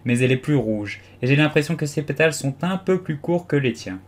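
A man's voice: on the high side, expressive, fairly quick, voice pushed up, natural voice. A man voicing a condescending talking rose in an audiobook, snide and critical.

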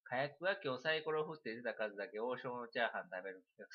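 A man with a Kansai accent, chatting and telling a story on a livestream in an animated, giggly way. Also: mid-range voice, a little fast, dull audio. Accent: Kansai Japanese. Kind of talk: casual rambling storytelling.

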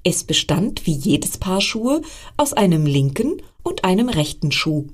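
A woman reading a bedtime story for children aloud, speaking to them directly with expressive storytelling. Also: lowish voice, unhurried.

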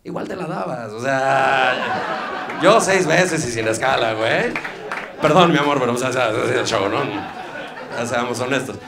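Brief: Mexican male stand-up comic, mid-pitched, loose slangy delivery, mocking asides, handheld stage mic. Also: lively intonation, measured pace, gravelly, a crowd in the background, background noise. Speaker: stand-up comedian. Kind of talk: live stand-up set. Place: comedy club stage.

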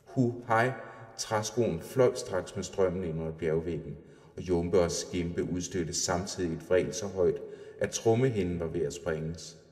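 Man, storybook narration, calm, deep mellow voice, roomy reverberant room. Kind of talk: storybook reading.

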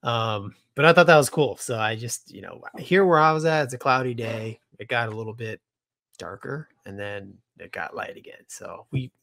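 Speaking at normal speed with a medium-pitched, gravelly yet fairly bright voice, this forty-something American podcast co-host, who is also a military pilot, keeps the conversation loose and informal. He's in a small home studio, recorded close on a studio microphone while wearing headphones.

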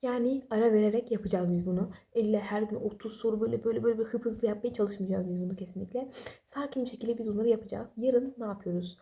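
A racing, mid-range voice with a dark tone belongs to a young study vlogger chatting at home late at night. Lacking a proper microphone, she offers casual study advice in a sleepy, apologetic, rambling way, peppered with small jokes about herself.

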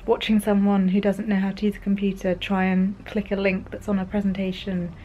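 A young woman in her twenties, a fashion student chatting casually to camera in her bedroom, upbeat and quick to laugh. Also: mid-range voice, little pitch movement, muffled recording, faint music behind. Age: 20s. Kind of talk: casual vlog chat to camera.

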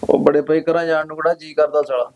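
An actor playing a younger brother who has been drinking and complains tearfully about quarrels at home. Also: male voice, fairly high pitch, flat delivery, fast talker, darkish tone, close to an everyday voice, poor audio. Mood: complaining. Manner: complaining, weepy. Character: tipsy, self-pitying younger brother fed up with home quarrels.

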